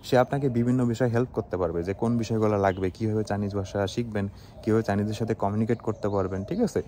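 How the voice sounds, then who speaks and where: A young man from Bangladesh talks through a casual language lesson, keeping it conversational and often checking that his listeners follow along. His voice sits fairly low and sounds mellow rather than bright. A faint background hiss runs under the recording. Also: fairly even intonation, quick pace. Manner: conversational, with frequent "ঠিক আছে?" checks. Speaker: Chinese language teacher. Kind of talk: casual spoken lesson to camera.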